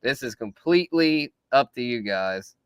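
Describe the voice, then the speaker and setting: A man's voice: mid-range voice, expressive, moderate pace, fairly bright tone, clear, resonant tone, no echo, studio quality. A man hosting a live fantasy football stream, talking casually in slang and laughing often. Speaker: podcast host.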